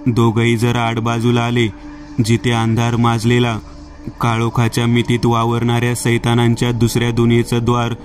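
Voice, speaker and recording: A man reading a scripted horror story in a slow, measured way. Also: medium pitch, slight background noise.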